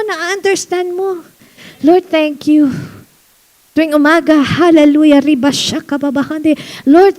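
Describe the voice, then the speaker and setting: A woman pastor preaching a sermon in church, animated, slowing down to read verses and laughing often. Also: high voice. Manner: animated preaching mixing Tagalog and English, reads verses slowly, laughs often.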